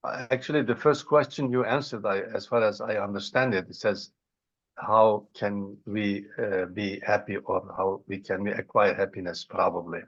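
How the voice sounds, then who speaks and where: Husky low man on a muffled line. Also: fairly even intonation, moderate pace, no echo. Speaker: session moderator. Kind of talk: moderating online Q&A.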